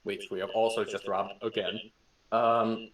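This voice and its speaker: A young man hosting a podcast as a game master, telling stories excitedly with laughter and swearing. The recording is roomy, with a distant mic. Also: fairly low pitch, unhurried. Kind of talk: casual chat.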